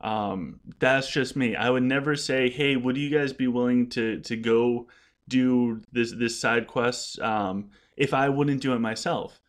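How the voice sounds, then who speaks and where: Casting: male gaming vlogger with a mid-range voice, explaining things earnestly in loose, stop-and-start casual talk. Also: mid-range voice. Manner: halting, repeats and restarts words. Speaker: gaming content creator addressing viewers. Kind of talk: casual unscripted vlog talk.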